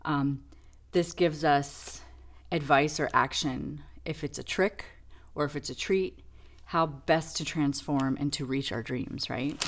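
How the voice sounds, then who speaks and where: Woman, very deep voice, tarot reader, casual and reflective, rambling with fillers. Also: takes it slowly. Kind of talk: casual tarot reading demo.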